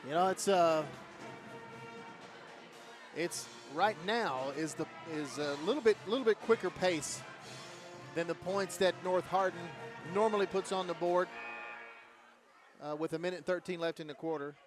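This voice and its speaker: A man giving relaxed, analytical basketball color commentary with frequent fillers. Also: high-pitched, measured pace, long pauses, over music.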